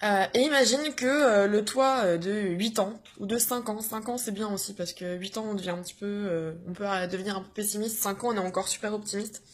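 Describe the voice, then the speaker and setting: A young woman short on sleep giving an energetic morning vlog pep talk, full of hesitations and bursts of cheering. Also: mid-range voice, fairly quick, hardly any pauses. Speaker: vlogger.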